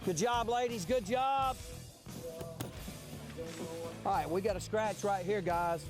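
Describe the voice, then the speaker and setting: A softball coach wearing a body mic, hollering quick encouragement to his players at an outdoor field. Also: sits high, music in the background. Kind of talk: live coaching from the dugout. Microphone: wireless body mic.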